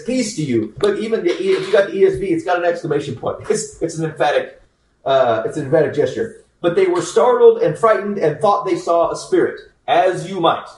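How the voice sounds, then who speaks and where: A man's voice: on the high side, a little mellow, far from the mic, slight background noise. A man giving a conversational Bible teaching to a group, informal and joking, often checking in with "okay?". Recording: echoey room, speaker away from the mic.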